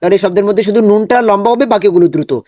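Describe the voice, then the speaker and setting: A man's voice: sits high, racing, dark tone, no room sound, highs cut off. A man with a Bangladeshi Bengali accent teaching an online Quran reading lesson, drilling Arabic syllables one by one between explanations.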